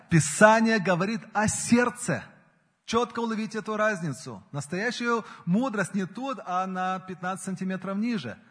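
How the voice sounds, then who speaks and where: Husky man preaching in a hall. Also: high voice. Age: 40s. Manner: earnest, rises and falls in emphasis. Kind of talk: sermon. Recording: long hall reverb.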